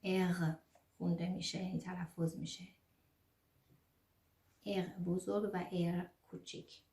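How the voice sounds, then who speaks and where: Woman slowly spelling out letters, echoey room. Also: on the low side, level tone, a little mellow. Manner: slow, careful letter-by-letter pronunciation with fillers. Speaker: language teacher. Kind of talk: online lesson on the German alphabet.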